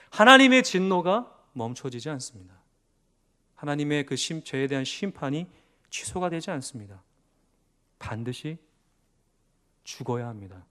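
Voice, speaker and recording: Korean pastor preaching with dramatic dynamics. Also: male voice, a little high. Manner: dramatic swings from loud emphasis to hushed near-whispers; asks questions and answers them himself. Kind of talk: sermon. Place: church.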